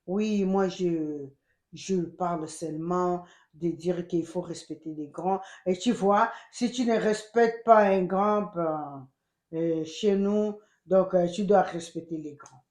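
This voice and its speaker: A woman with a Congolese accent, hosting a channel in the United States, speaks slowly in a fairly low pitch, giving emphatic and animated casual commentary that alternates between French and Lingala. The sound is reverberant.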